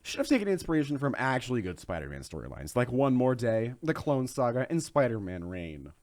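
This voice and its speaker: A man's voice: mid-range voice, big pitch swings, a little fast, a little mellow, dry recording, studio quality. A man co-hosting a casual podcast, joking around while reading out reviews as quiz questions. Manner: joking, playful, reads aloud with silly voices.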